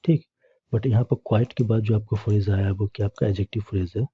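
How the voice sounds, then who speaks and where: A man teaches English grammar step by step in a lowish, steady voice that is fast and slightly rough. He repeats questions to the class and then answers them himself. The lo-fi recording has no echo.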